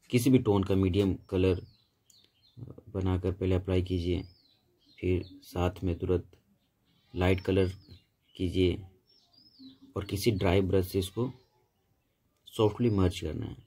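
A man's voice: sits low, steady tone, slow pace, long pauses, dark tone. A man giving a painting tutorial in a voice-over, explaining each step patiently and steadily. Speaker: painting instructor.

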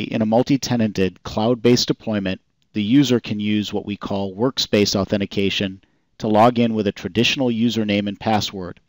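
Calm, low-voiced male demo narrator. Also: no echo. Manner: calm, even, explanatory. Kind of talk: scripted product demo narration.

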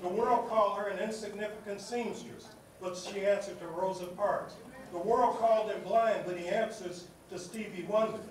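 A man's voice: high voice, fairly even intonation, moderate pace. A man giving a commencement speech to graduates, with a rhythmic, oratorical delivery that builds on repeated phrases. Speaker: commencement speaker. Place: large hall at a graduation ceremony. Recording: echoey hall recording from far off with noise.

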